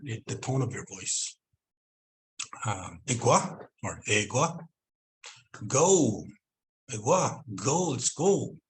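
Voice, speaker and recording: A man's voice: lowish voice, a little hiss or hum. Man, Northern Cree accent, online talk, easygoing storytelling, video call mic. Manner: conversational, drawn-out storytelling with repeated "you know". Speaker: presenter. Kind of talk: online cultural presentation.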